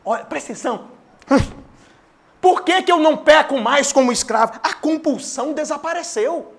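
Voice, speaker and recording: A man preaching a sermon in a church with a Brazilian Portuguese accent, swinging between loud declarations and hushed asides. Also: very high voice, lively intonation, moderate pace, creaky. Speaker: pastor.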